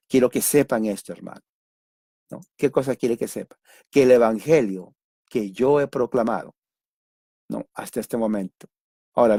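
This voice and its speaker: A man teaching from scripture in a relaxed, conversational sermon. He keeps checking in with his listeners through little tag questions and hesitates on fillers as he reworks his explanations. The sound is dry and close, with no room echo. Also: lowish voice. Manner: repeats and rephrases points while explaining. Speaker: preacher. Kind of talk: expository Bible teaching.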